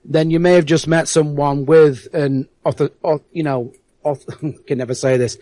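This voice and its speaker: A man's voice: on the high side, steady tone, moderate pace, warm tone, no echo. A man from England with a hard-to-place English accent tinged with American, talking earnestly as a guest on an internet radio interview and often repeating words as he searches for them. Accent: hard-to-place English accent with some American. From England (South Yorkshire).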